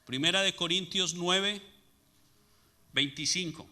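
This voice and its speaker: A man's voice: sits high, slow, sharp tone. A man preaching a sermon as pastor, asking the congregation rhetorical questions and answering them. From Latin America.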